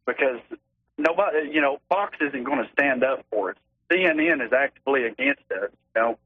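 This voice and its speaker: A man calls in to a talk show over a thin, tinny phone connection. His Arkansas accent is thick, and he makes his point earnestly, halting now and then in a folksy way. The voice sits at an ordinary male pitch. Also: lively intonation, dry recording. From Arkansas, United States. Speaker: radio show caller. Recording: narrow tinny phone line.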